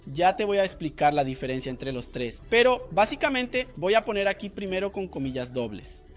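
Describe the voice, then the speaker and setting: Lively man teaching code step by step. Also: high-pitched, moderate pace, faint music behind. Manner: explains step by step, asks rhetorical questions. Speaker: programming instructor. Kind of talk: screen-recorded coding lesson.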